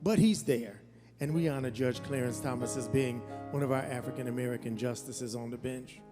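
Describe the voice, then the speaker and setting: A man's voice: medium pitch, brisk. Earnest man emceeing in a reverberant hall. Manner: earnest, hesitant with restarts. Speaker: concert emcee. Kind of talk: event speech to an audience. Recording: long hall reverb, faint music.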